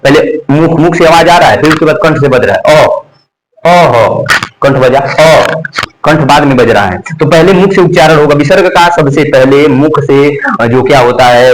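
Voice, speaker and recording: A man's voice: medium pitch, poor audio. A man teaching Hindi grammar, repeating terms and asking and answering his own questions as he drills pronunciation. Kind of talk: classroom lesson.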